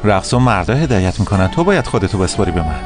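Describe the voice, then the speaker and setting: A jealous, prickly young man in a dubbed TV drama, throwing out sarcastic, needling remarks. His pitch moves in lively swings. Music plays clearly behind him.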